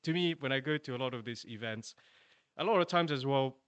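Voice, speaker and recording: Man from Malaysia, startup founder, relaxed and laughing, bright tone, dry recording. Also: mid-range voice, a little fast, clear, resonant tone, no echo. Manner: relaxed, laughs often, many "you know" tags. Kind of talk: casual interview chat.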